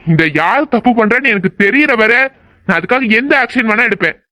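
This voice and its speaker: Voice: mid-range voice, animated, sharp tone, dry recording. An actor voicing a headstrong young doctor. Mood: firm. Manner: assertive, quick. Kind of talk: audio drama acting.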